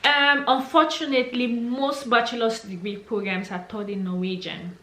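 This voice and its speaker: Speaking at a moderate pace with fairly even intonation, this young Cameroonian woman from the English-speaking region has a slightly bright voice on the high side. She casually works through viewer questions, encouraging and thinking out loud, in an echoey room with faint noise.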